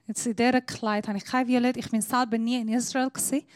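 A woman's voice: a little high, flat delivery, brisk, dry recording, clean studio sound. Iranian woman preaching in German. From Iran. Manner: non-native German with grammar slips, explaining with props. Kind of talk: sermon.

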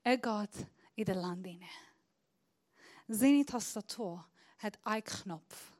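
Eine Predigerin, die nicht als Muttersprachlerin spricht und zwischen lautem Rufen und leisem Flüstern wechselt. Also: female voice, mid-range voice, takes it slowly. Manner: swings between loud shouting and hushed whispers. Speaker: preacher. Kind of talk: sermon.

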